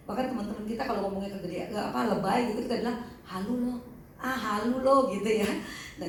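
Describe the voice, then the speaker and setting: A middle-aged woman counselor giving a teaching talk to a group, lively, acting out examples in other voices. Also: on the high side, slight background noise. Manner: animated, acts out patients' voices. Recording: echoey hall, mic at a distance.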